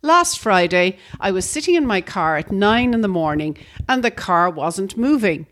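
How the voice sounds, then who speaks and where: A woman with an Irish accent hosting a scripted educational narration, speaking to listeners directly in a measured storytelling way. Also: medium pitch, very animated. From Ireland. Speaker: host.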